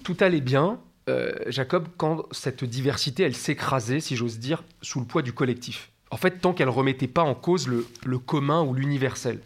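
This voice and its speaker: A man's voice: medium pitch, moderate pace, hardly any pauses, breathy edge. A man speaking as a guest expert in an interview, explaining in a didactic way and stacking up lists of examples.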